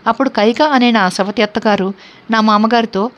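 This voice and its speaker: Grieving captive princess, devoted young wife, read by a woman; fairly high voice, dull lo-fi recording. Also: normal speed, close to an everyday voice. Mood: sorrowful. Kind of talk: scripture reading.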